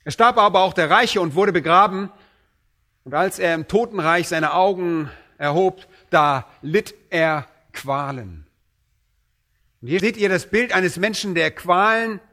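A man preaching a sermon, quoting scripture with slow, emphatic weight and dropping low on solemn phrases. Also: a bit bright. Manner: emphatic, slows down and raises voice on quoted scripture.

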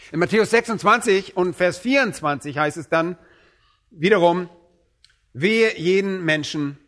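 A man preaching a sermon, quoting scripture with slow, emphatic weight and dropping low on solemn phrases. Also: fairly bright tone. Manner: emphatic, slows down and raises voice on quoted scripture.

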